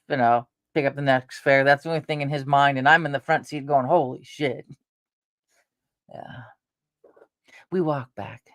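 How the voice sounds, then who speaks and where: A woman in her fifties chats unhurriedly, drifting from one thought to the next with plenty of pauses and restarts. Her voice is close and dry, with no room sound around it. She has an easygoing, offhand way of talking. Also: extremely low pitch, no echo. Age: 50s. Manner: meandering, with frequent hesitations and restarts. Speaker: channel host. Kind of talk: rambling casual chat.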